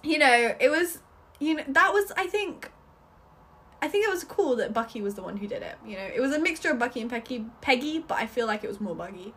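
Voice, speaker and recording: Young woman rambling through a movie review, lots of likes and ums, kinda high and a bit husky. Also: sing-song, fairly quick, fairly bright tone. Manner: chatty, rambling, many fillers and restarts. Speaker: film reviewer. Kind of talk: casual video review.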